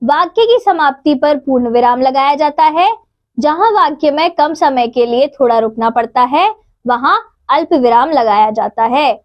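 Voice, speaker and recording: A woman teaching a grammar lesson to children, reading out examples slowly and clearly. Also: sits high, animated, dull audio.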